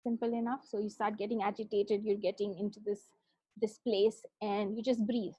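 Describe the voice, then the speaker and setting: A woman's voice: medium pitch, level tone, moderate pace, warm tone, slightly rough, dry recording. Conversational woman coach in a dry room. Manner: conversational, often asks "right?" as she talks. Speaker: parenting coach. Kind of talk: talk on self-regulation.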